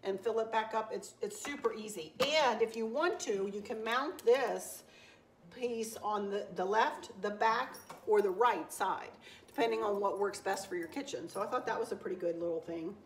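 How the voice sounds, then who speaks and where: A woman, chatting warmly to viewers in a home vlog from her kitchen and often repeating words for emphasis. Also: medium pitch, normal speed, a little hiss or hum. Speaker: vlogger.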